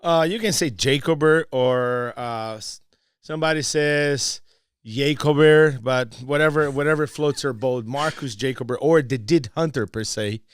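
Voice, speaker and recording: A Brazilian-accented man speaks as a guest on a casual podcast. His voice sits at an ordinary middle pitch. He moves between playful teasing and earnest pitching. The sound is dry and close. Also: moderate pace, clean tone, no room sound. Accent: Brazilian Portuguese. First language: Portuguese.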